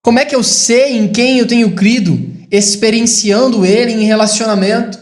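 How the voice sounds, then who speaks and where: A man with a high voice preaches a sermon at a moderate pace in an echoey room. He builds to emphatic declarations, then drops into quiet, reflective asides.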